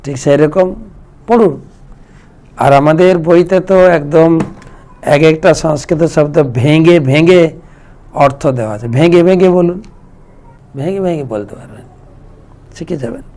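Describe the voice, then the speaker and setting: Slow-speaking monk answering questions. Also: male voice, fairly high pitch, mellow. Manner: reads listeners' questions, then answers with homely examples. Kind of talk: devotional Q&A talk.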